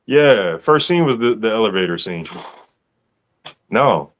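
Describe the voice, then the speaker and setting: A man's voice: fairly low pitch, expressive, measured pace, fairly bright tone, a little hiss or hum. A man hosting a casual podcast, teasing his guests in a playful, slangy way. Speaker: podcast host. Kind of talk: casual chat.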